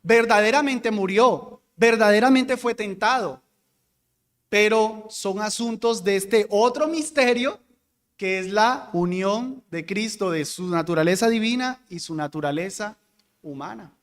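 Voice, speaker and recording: High-voiced man teaching Bible class. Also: measured pace, in a large hall. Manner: explanatory, asks the class questions and answers them.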